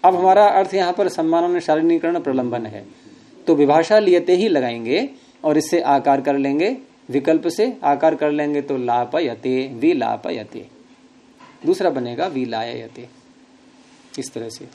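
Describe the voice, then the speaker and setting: A man teaching a grammar class, explaining rules patiently, quizzing students with questions and teasing them gently. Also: on the high side, expressive, a little slow.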